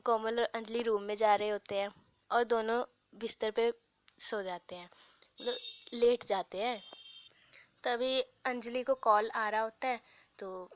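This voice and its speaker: A woman's voice: mid-range voice, fairly bright tone, clean tone. A young woman casually telling a love story, voicing every character in her own voice, with frequent restarts. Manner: narrates and voices all characters in the same voice, with restarts.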